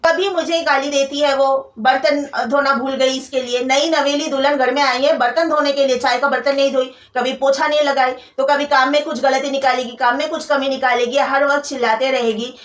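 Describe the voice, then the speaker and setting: A woman's voice: high-pitched, fairly even intonation, moderate pace, few pauses. A young woman from Kolkata venting about her in-laws in a personal storytelling vlog, with an indignant manner. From Kolkata, India. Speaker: vlogger. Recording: roomy echo, from a distance.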